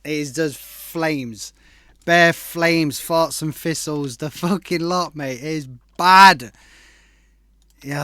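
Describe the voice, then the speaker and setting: A man's voice: medium pitch, fairly bright tone, no echo. A man hosting a live stream, giving blunt, sweary, slang-heavy feedback on tracks. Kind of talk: casual chat. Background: faint music playback.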